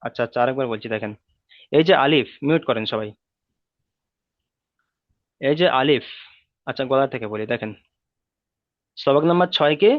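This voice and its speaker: A man's voice: mid-range voice, no echo. Man teaching over a tinny online call. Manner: repeats rules slowly, drawing out vowel sounds. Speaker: Quran reading teacher. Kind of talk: online class lesson. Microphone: video call. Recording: tinny call audio, dry.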